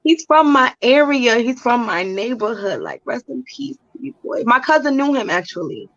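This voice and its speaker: A woman's voice: a little high, sing-song, creaky, fairly bright tone. Co-host woman on a dull, lo-fi line. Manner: quick agreeing replies. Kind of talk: casual chat. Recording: dull, lo-fi sound.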